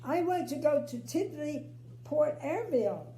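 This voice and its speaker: A sweet older woman voicing an excitable, bashful little girl in a children's storybook, with breathless eagerness. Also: high voice, unhurried. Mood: excited. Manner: sweet old lady reading aloud, breathless excitement. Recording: roomy echo, faint background noise.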